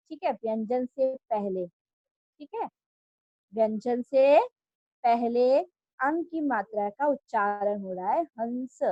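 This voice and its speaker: Woman teacher, high and unhurried, patiently drilling words for young pupils. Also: darkish tone, dry recording, lo-fi sound. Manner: patient, repeats words slowly, asks children to repeat. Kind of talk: Hindi grammar lesson for children.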